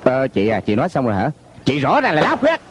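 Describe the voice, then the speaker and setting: A man's voice: mid-range voice, huge pitch swings, fast, slight background noise. A man dubbing an arrogant young heir in a TV drama, blustering and insulting. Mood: mocking. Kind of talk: dubbed TV drama.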